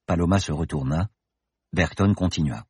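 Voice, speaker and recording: A man narrating an audiobook in an even storytelling delivery. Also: deep voice, moderate pace, husky, no room sound, clean studio sound.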